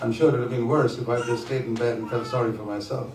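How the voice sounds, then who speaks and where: A man preaching a sermon in short phrases, pausing after each one so an interpreter can translate. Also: medium pitch, steady tone, background noise. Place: church conference hall. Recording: echoey hall, voice from far off the mic.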